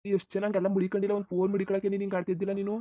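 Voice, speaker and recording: A devoted young village lover in a cartoon, voiced by an actor, talking quickly and soothingly in a rural Kannada accent. He keeps calmly insisting that everything will be fine. The sound is dry and a little dull, like a cheap home recording. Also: mid-range voice, dry recording, natural voice. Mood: reassuring. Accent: rural Karnataka Kannada. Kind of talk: cartoon voice acting.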